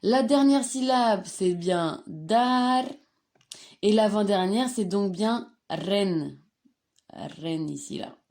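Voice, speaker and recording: A woman walks learners through a grammar lesson on slides. She talks slowly and patiently, repeating each conjugated form with care. Her tone is mellow and warm rather than bright. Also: mid-range voice, expressive. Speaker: Spanish teacher.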